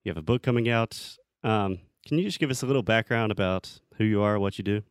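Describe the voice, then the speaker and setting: A man hosting a casual interview as a relaxed chat with his guest. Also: fairly low pitch, quick pace, smooth, dry recording, studio quality. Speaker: host, interviewer.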